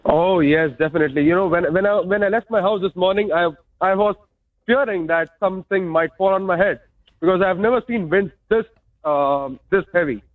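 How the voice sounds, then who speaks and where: High-voiced male field reporter on thin radio link. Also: a little fast, narrow, tinny audio. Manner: hesitant, repeats and corrects himself. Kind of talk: live news field report, unscripted. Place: on location at a railway station.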